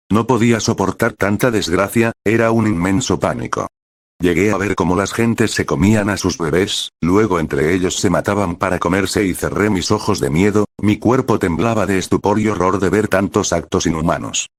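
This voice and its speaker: A pastor from Peru reading aloud a prophetic vision in a slow, solemn, dramatic manner. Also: male voice, sits low, dry recording, studio quality.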